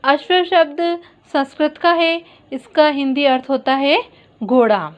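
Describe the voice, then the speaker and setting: Woman teacher, high voice, slow and patient, explaining to kids. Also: muffled recording. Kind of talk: recorded classroom lesson.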